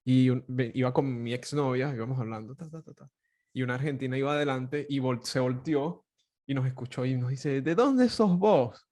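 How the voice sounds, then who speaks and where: Lively Caracas Venezuelan man. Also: medium pitch, brisk. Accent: Caracas Venezuelan Spanish. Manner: animated, laughs often, many fillers and restarts. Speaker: podcast host. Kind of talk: casual conversation.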